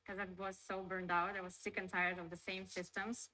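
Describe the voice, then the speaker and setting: Fast-talking Russian-accented woman, bright tone. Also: medium pitch, little pitch movement, poor audio. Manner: chatty, loose phrasing full of "like" and "you know". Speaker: interview guest. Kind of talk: casual interview.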